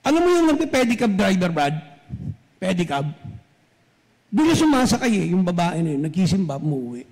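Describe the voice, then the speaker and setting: A man's voice: high-pitched, sing-song, brisk, long pauses, darkish tone. A man preaching a sermon as pastor, speaking straight to his congregation and switching between Tagalog and English. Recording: long reverb from a large hall.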